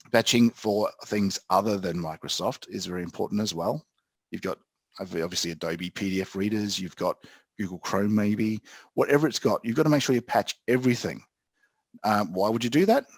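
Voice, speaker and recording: An Australian-accented man talks through technical matters in an informal, plain-spoken way. His voice is low and gravelly with a husky edge. The sound is close and dry, and he leans on his points in everyday colloquial language. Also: no room sound. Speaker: co-host and IT specialist. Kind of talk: informal explanatory tech talk.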